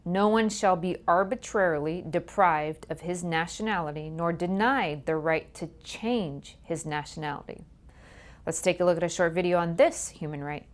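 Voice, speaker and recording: A woman with a fairly low voice hosts a human rights program, giving a scripted educational talk. She speaks in a measured, earnest way, and her voice fades quieter at the ends of phrases.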